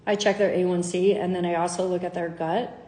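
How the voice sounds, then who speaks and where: A woman's voice: lowish voice, flat delivery, a little fast, warm tone, reverberant. A woman health coach in candid, casual talk to her followers, acting out conversations with clients. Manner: chatty, candid, acts out dialogue.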